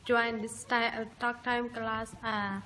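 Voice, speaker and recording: A woman's voice: on the high side, level tone, slow pace, sharp tone. A woman from Afghanistan, an international student, introducing herself hesitantly and restarting words. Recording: recorded video clip with clear background noise.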